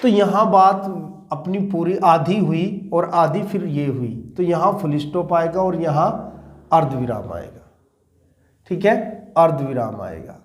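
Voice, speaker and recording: A man teaching a Hindi grammar lesson for exam students, speaking slowly and repeating key words so they can take notes. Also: a little high, lively intonation, reverberant. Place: classroom or small teaching room.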